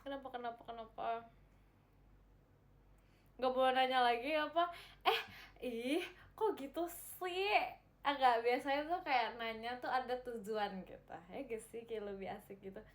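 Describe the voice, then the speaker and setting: Giggly high-voiced young woman streaming. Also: normal speed, pauses often. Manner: giggly, chatty, repeats herself, talks to viewers as guys. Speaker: livestream host reading chat. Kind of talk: casual livestream chat.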